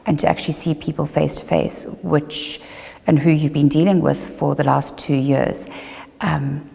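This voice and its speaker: A middle-aged woman from Zimbabwe, an attorney, giving a measured, reflective testimonial interview. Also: deep voice, steady tone, creaky, mellow, in a large hall. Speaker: attorney and former online law student.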